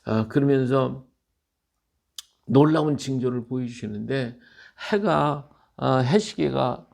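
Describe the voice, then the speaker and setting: A man with a deeply gravelly, creaky voice preaches at a middle pitch. He talks to listeners in a plain conversational way, leaning on repeated phrases to press his point with heartfelt emphasis. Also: slow pace, darkish tone. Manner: earnest, repetitive, emotional emphasis. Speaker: Bible teacher. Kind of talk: conversational sermon on a Bible reading.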